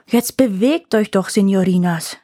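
A woman's voice: fairly high pitch, expressive, normal speed, no room sound. An impatient, harried farmer in a fairy-tale reading, urging his herd on with slightly raised, exclaiming calls, as a woman narrator puts him on. The sound is close and dry, with no room around it. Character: impatient, harried old-world male farmer.

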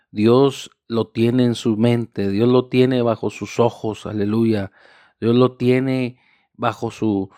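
A man's voice: mid-range voice, darkish tone, dry recording. Fervent male preacher, dry close sound. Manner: fervent, repeating "aleluya" and "hermano" between phrases; slows down to stress key words. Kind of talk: sermon.

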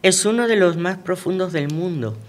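A man's voice: sits high, normal speed. A man from Venezuela co-hosting a casual radio chat, rambling and repeating words while he looks for them. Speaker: radio co-host. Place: local radio studio.

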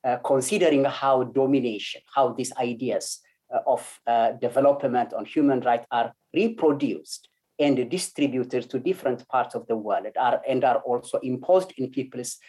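A man's voice: medium pitch, moderate pace, darkish tone. A man from Ethiopia speaking as a lecturer on an online panel, hesitant with many fillers and restarts. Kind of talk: academic panel talk.

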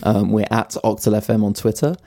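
A man co-hosting a casual podcast, relaxed and chatty with lots of fillers and laughs. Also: fairly low pitch, fairly quick, dry recording, clean studio sound. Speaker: podcast co-host.

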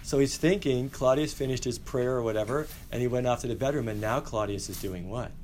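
A man teaching a high school class, lively and directing students to act out a scene. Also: brisk, a little hiss or hum, poor audio.

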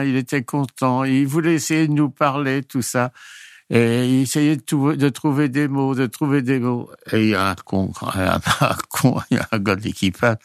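A man's voice: mid-range voice, no room sound, clean studio sound. An older man, a retired flight crew member, casually telling anecdotes in a rambling way, often chuckling and restarting his sentences.

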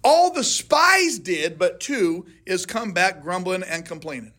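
In a church classroom, a pastor with a high-pitched, animated, sharp-toned voice leads a casual Bible study at a measured pace. He fires questions at his group conversationally, often asking and answering them himself.

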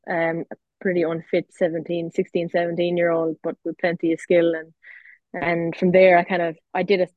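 A woman's voice: fairly low pitch, no room sound. A woman with a west of Ireland accent chatting casually as an interview guest, modest and often correcting herself as she tells her story. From County Clare, west of Ireland. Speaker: guest, Gaelic footballer and athlete. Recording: dull lo-fi audio with little room.

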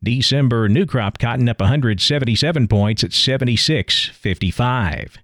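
A male radio anchor delivers scripted market news in a measured broadcast manner. His pitch is mid-range and the sound is close and dry. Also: lively intonation, fairly bright tone, no echo.

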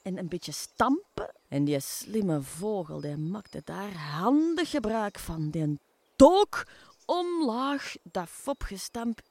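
A woman's voice: mid-range voice, lively intonation, takes it slowly, darkish tone. A woman with a Flemish accent playing a chatty, easygoing worm who runs a hotel, in a children's drama. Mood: storytelling. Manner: folksy, chatty, explanatory. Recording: music under the voice.

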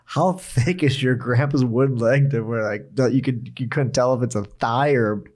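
A man's voice: mid-range voice, moderate pace, a little mellow. A man co-hosting a podcast in a casual chat, asking follow-up questions. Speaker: podcast co-host. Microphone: headphones on.

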